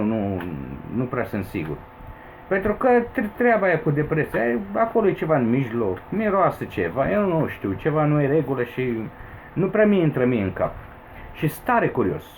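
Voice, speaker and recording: Romanian man in his 40s, vlogging a heated grievance, voice leaping high on outbursts, faint background hiss. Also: rough recording. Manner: agitated, with emphatic high-pitched outbursts. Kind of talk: rambling personal complaint to camera. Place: home in the Philippines.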